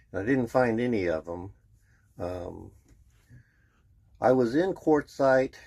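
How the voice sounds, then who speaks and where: A man giving a casual first-person vlog update in a plainspoken, halting way. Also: lowish voice, darkish tone. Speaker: RV lifestyle vlogger.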